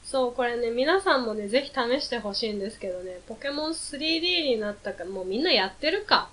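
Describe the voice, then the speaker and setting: Young female podcast co-host from eastern Japan; giggly, gushing, animated pitch. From Kanto, Japan. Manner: bubbly, gushing, quick to laugh. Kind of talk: casual chat.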